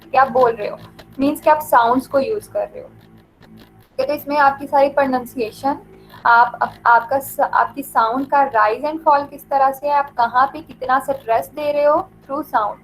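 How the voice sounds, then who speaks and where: A woman teaching an online lecture, explaining slowly with many fillers and mixing English terms into her Hindi. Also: high voice, faint music behind, low-quality recording.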